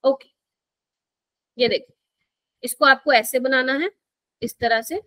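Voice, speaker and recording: Speaking Hindi blended with English in an Indian accent, a woman with a high, somewhat bright voice runs a live chemistry class. Her explanations are slow and patient, and she keeps making sure students understand. It's a dry recording.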